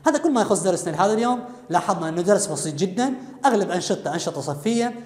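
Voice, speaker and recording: A man's voice: high-pitched, lively intonation, racing, darkish tone. A man with an Iraqi Arabic accent teaching an English lesson on video, explaining step by step and quizzing students aloud. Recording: echoey room with long reverb.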